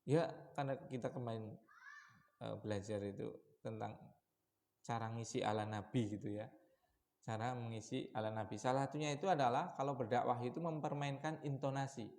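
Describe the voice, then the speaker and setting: A man preaching at a mosque study session, asking his listeners questions and shifting between raised warnings and quiet asides. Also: brisk. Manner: lively, shifts from loud warnings to low asides, asks the audience questions. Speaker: Islamic preacher.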